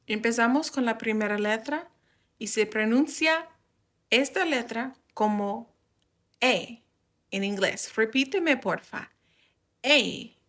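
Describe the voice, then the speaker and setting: A woman teaching the English alphabet in a bilingual lesson, drawing out each letter slowly for students to repeat. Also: on the high side. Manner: slow, drawn-out modeling of letters for repetition.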